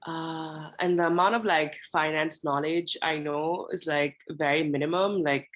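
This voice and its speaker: A woman's voice: low-pitched, fairly even intonation, a little slow, muffled recording. A woman in her twenties, a student club vice president, introducing herself in a rambling way on a video call. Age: 20s. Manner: rambling, lots of fillers.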